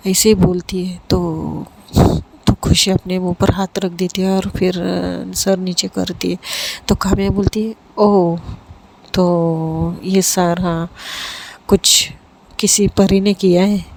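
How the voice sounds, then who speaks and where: Woman telling a story, flat voice. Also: fairly low pitch, slow pace, vocal fry, poor audio. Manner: voices characters lightly in her own voice, many fillers and restarts. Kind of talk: casual spoken storytelling. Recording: steady background noise.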